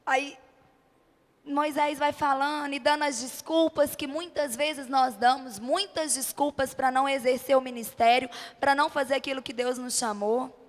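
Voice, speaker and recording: Her tone steady and her speed normal, a Brazilian-accented church bishop with a high voice preaches passionately at a youth event in front of a congregation. Rhetorical questions and short, repeated phrases give her sermon emphasis, and a large hall's long reverb surrounds her voice.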